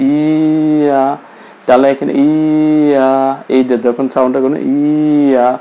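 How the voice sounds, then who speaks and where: Male teacher, mid pitch, patient demo style, repeats each sound and stretches the vowels. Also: darkish tone, rough recording. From Bangladesh. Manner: slow, repeats sounds and drawn-out vowel demos. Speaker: English teacher. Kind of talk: spoken pronunciation lesson.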